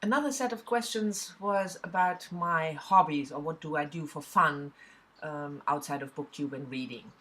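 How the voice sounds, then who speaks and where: With a low voice, a fairly bright tone, and a normal speaking speed, she casually addresses the camera as a book vlogger. She is a middle-aged woman from southwest Germany with a German accent, frequently using fillers and starting over.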